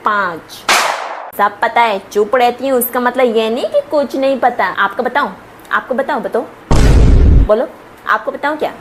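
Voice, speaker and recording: A woman's voice: fairly high pitch, moderate pace, long pauses. A young woman in a comic sketch, scolding sassily as the put-upon older sister. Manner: sassy and scolding. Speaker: comedy sketch creator. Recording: clear background noise.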